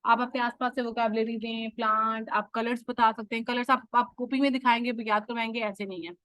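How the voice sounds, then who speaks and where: A woman's voice: a little high, little pitch movement, a little fast, fairly bright tone, dry recording. A mother hosting a homeschooling workshop, explaining in a patient, instructive way and often switching into English phrases.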